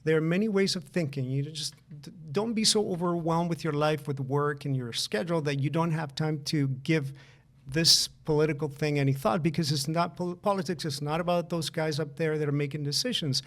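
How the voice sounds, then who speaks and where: A man's voice: on the high side, a little fast. A middle-aged man from Chile co-hosting a podcast, talking earnestly and often checking in with "right?". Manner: earnest, repeats words when starting, asks "right?" often. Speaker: podcast co-host. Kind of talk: casual podcast conversation.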